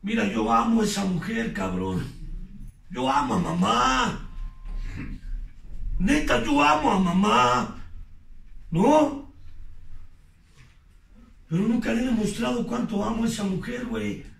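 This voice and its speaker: A man with a Mexican Spanish accent giving an impassioned, profane testimony at a recovery group meeting, often shouting. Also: very high voice, big pitch swings, slow pace, vocal fry, long pauses, echoey room, distant mic, a little hiss or hum.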